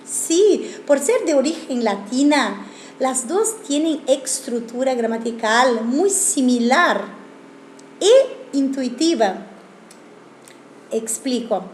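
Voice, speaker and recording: A woman's voice: high voice, lively intonation, takes it slowly, a little hiss or hum. A woman teaching a language lesson, asking rhetorical questions and explaining with examples. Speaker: Italian teacher. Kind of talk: video lesson. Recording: echoey room.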